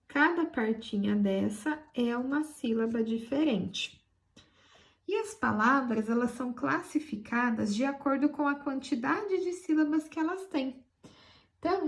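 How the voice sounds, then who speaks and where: A Brazilian woman teaching a school lesson to children, explaining patiently, spelling words out slowly and calling her pupils affectionate names. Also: sits high, roomy sound. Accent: Brazilian Portuguese.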